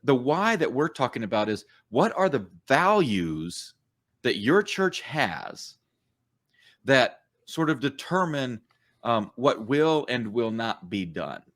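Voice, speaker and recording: A man's voice: medium pitch, very animated, slow, a bit bright. A middle-aged man co-hosting a church podcast, explaining ideas in a thoughtful, conversational way. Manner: thoughtful, explanatory, with many fillers. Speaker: podcast co-host, church coach. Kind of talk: casual podcast chat.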